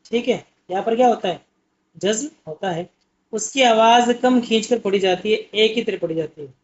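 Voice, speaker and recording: A man's voice: sits high, moderate pace. A man teaching an Urdu exam-prep lesson, explaining patiently and asking questions that he answers himself. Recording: muffled lo-fi audio.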